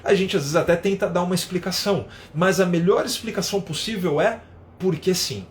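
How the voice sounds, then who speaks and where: São guy teaching a live class, a bit high-pitched, chatty, keeps tagging questions, faint noise behind. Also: a little fast. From São Paulo, Brazil. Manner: conversational, explains with everyday examples, keeps adding a tag question. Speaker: English teacher. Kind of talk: live online lesson.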